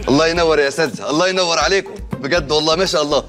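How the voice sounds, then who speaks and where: A man with an Egyptian Arabic accent bantering as an actor on set, loud and exasperated in a comic sketch. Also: fairly high pitch, soft background music. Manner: loud, exasperated, rapid complaining.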